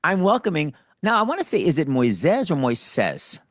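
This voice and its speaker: A man's voice: fairly high pitch, wildly swooping pitch, moderate pace, no echo, clean studio sound. A man interviewing a guest in a playful, joking way. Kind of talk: casual interview.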